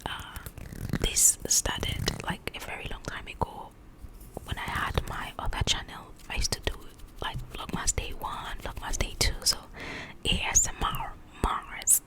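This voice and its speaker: A woman ASMR video host speaks in a soft, breathy whisper with no voiced tone, chatting informally and wandering as she addresses viewers directly. The hushed, one-sided chat runs a little slow, and the recording is low quality.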